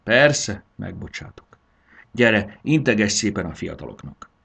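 A man voicing an old, proud, quick-tempered female dragon who gives commands and scolds, then softens. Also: on the low side, big pitch swings, gravelly, slightly rough, exaggerated voice. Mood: gentle.

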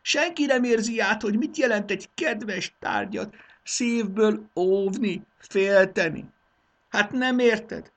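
A man voicing an anguished, fussy king who wails in a high, theatrical voice in a storybook reading. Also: fairly bright tone. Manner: high-pitched, wailing, theatrical.

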